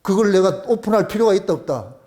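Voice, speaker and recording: Animated Gyeongsang-accented male pastor. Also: high-pitched, fast talker. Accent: Gyeongsang dialect. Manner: animated, colloquial preaching full of rhetorical questions. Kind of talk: sermon.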